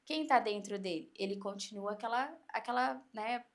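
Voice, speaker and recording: A woman coach with a Brazilian Portuguese accent, explaining in an animated way on an interview podcast and acting out inner voices. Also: fairly high pitch, moderate pace.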